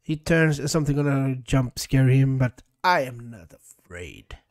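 A man's voice: medium pitch, animated, unhurried. Man tossing off joking reaction quips. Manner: short joking interjections. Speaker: reaction streamer. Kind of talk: casual reaction commentary. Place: small room at home. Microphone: studio mic with headset.

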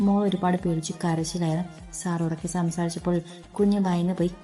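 A woman voicing a kind, shy young woman who speaks softly and politely in a storybook reading. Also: fairly low pitch, fairly even intonation, quick pace, faint music behind, natural voice. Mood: soft, pleading. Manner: soft-spoken and polite.

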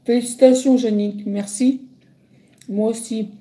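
A middle-aged woman talks on a casual phone livestream, a little higher-pitched than most women. Her voice is mellow and soft-edged, and she rambles through viewer questions with plenty of hesitant fillers. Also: fairly even intonation, a little slow. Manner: chatty, hesitant, many fillers. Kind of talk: casual live chat reading comments.

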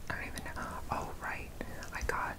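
Young man's intimate close-up ASMR whisper. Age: 20s. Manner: casual, rambling, halting. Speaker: ASMR creator. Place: small dim indoor room. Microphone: close condenser mic with fluffy cover. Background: mic scratching.

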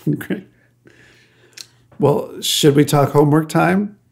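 Podcast co-host, male, gravelly voice, chatty and hesitant. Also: on the high side, slow, background noise. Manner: chatty, hesitant, with restarts and laughs. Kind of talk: casual chat.

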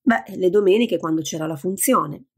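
A woman with a gravelly, husky voice voicing an irritable, stubborn older woman in a care home, in an audiobook. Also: on the low side, normal speed, a little mellow.

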